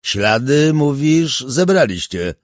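A man voicing a sharp, driven male police profiler in an audiobook, firing short probing questions. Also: mid-range voice, very animated, slow, no room sound, studio quality, pitched above the performer's own voice. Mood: demanding. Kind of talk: audiobook character voice.

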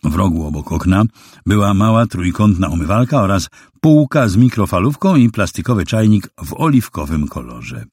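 A man reading a novel aloud as expressive, dramatic audiobook narration. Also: low-pitched, normal speed, husky, dry recording, clean studio sound.

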